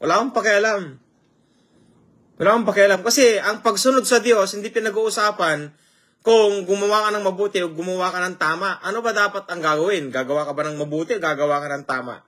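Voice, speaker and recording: A man's voice: sits high, quick pace, fairly bright tone. A man preaching a sermon, firing rhetorical questions at his listeners and mixing English phrases into his talk. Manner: greets viewers by name mid-sermon.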